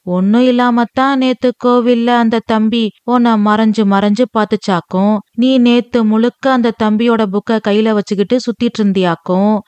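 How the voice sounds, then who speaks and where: A woman's voice: on the high side, steady tone, normal speed, a little mellow, clean tone, no room sound, lightly acted. A woman voicing a teasing old grandmother. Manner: affectionate teasing, folksy speech.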